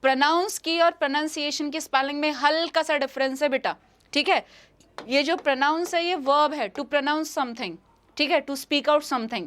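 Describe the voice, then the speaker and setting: A woman's voice: high voice, fairly even intonation, unhurried, fairly bright tone. A young woman with an Indian accent giving a live English exam-prep lesson, repeating each question and answer and calling her students "beta". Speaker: English teacher.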